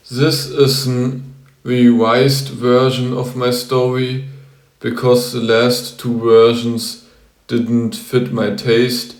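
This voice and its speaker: Slow, flat-voiced man in an echoey room. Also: mid-range voice. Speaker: channel host introducing his story. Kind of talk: casual intro.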